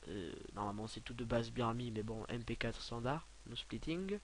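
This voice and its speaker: A young man giving a casual, rambling software tutorial, filling his talk with hesitations and offhand asides. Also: mid-range voice, moderate pace, a little hiss or hum. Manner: rambling, many filler sounds, offhand asides. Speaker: tutorial maker.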